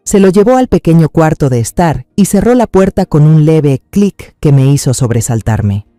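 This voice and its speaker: A man narrating a family drama in a measured, somber, suspenseful way. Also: a little high, sing-song, mellow, dry recording, faint music behind.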